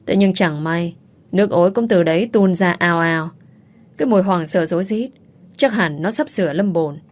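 Woman narrator for an audiobook, lowish even delivery. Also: moderate pace. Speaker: story narrator.

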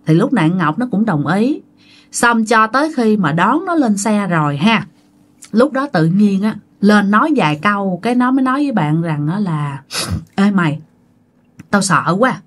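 A woman tells a ghost story as if chatting with friends. Her pitch swings lively up and down, and she leans on fillers as she talks. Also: normal speed. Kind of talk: casual spoken ghost story.

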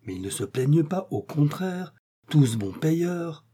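Man voicing a servile concierge, stammering, husky, dark timbre, pitched up. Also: very animated, a little slow, exaggerated voice. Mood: fretful muttering. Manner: stammering, pleading, raised pitch. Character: flustered middle-aged male concierge, servile and shocked. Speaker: character in a read story. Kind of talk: audiobook character reading.

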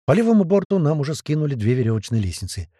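A man reading a first-person audiobook with tense, lively storytelling. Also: fairly high pitch, very fast, breathy edge, no echo, clean studio sound. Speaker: audiobook narrator.

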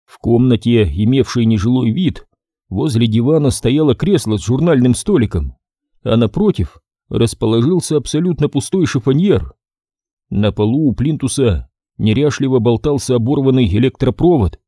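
A man narrating a first-person detective story in a wry, expressive reading. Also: mid-range voice, normal speed, no room sound, studio quality. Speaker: audiobook narrator.

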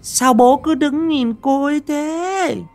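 A man's voice: extremely high pitch, slow, pitched above the performer's own voice, full character voice. A man voicing an innocent three-year-old boy who babbles his questions. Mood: curious. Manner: childish babbling.

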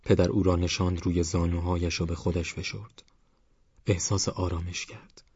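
A man calmly reading a novel aloud as an audiobook narrator, in an even storytelling manner. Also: sits low, breathy edge, no echo. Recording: dry, slightly dull recording.

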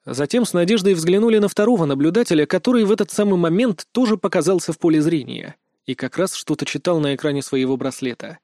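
A man reading a first-person fantasy audiobook in a calm, measured way on a close studio mic. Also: on the high side, no echo. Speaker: audiobook narrator.

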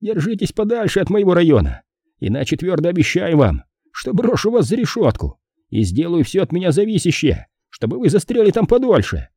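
A man voicing a nervous, shrill little male police officer who is easily offended, in an audiobook reading. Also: huge pitch swings, a little fast, dark tone, breathy edge, no room sound, clean studio sound, heavily acted. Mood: shrill, threatening. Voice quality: shrill, shrieking. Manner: prim, indignant, easily offended.

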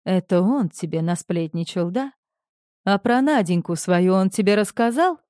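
A woman voicing a timid, resigned young woman who sighs softly. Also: medium pitch, animated, normal speed, no echo, clean studio sound, close to an everyday voice. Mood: sharp.

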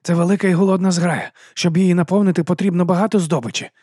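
A man's voice: sits high, fairly even intonation, fast talker, dark tone, husky, no room sound, studio quality, pitched above the performer's own voice. A male narrator voicing a loyal male wolf who speaks plainly and earnestly. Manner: simple, earnest phrasing. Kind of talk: audiobook character voice.

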